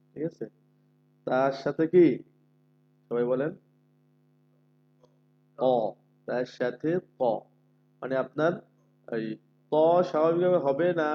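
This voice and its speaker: A man teaching Quran recitation in an online class, patiently repeating letter sounds slowly for his students. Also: mid-range voice, highs cut off, slight background noise.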